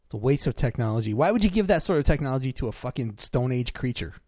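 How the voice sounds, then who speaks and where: A man's voice: medium pitch, very animated, quick pace, dark tone, studio quality. A man hosting a casual chat, laughing often and echoing guests' words back as questions. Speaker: host.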